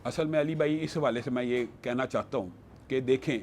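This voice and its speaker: A man's voice: medium pitch, steady tone, a little mellow, slight background noise. A man speaking emphatically as a panelist in a studio discussion, quoting scripture to build his argument. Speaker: religious panelist.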